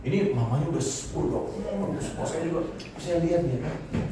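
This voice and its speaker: Pastor preaching in an echoey hall. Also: male voice, fairly high pitch, animated, brisk, distant mic, heavy background noise. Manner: casual storytelling sermon with quoted voices and laughs. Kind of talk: sermon. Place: church hall.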